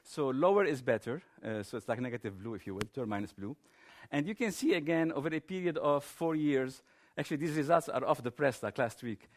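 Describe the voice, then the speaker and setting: A man's voice: mid-range voice, lively intonation, brisk, hardly any pauses, slight background noise. A man giving a technical conference presentation in an informal, explanatory manner.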